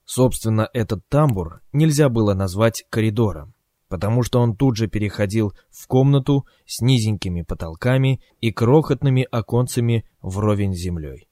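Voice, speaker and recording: A man narrating a story in an ironic, expressive way, as an audiobook. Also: lowish voice, moderate pace, dry recording, studio quality.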